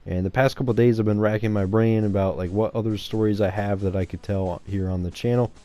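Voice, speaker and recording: A man's voice: on the low side, fairly even intonation, a little fast, dark tone. A man in his twenties casually telling a story on his channel, rambling and swearing freely. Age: 20s. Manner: rambling, profane, laid-back. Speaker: YouTuber.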